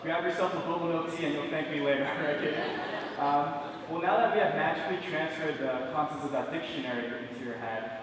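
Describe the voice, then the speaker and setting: A man's voice: on the high side, noisy background. Young man doing playful magic patter. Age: 20s. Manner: playful, joking with an audience volunteer. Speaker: stage magician. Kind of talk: live stage magic patter. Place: large indoor theater stage. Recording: echoey theater hall, distant mic.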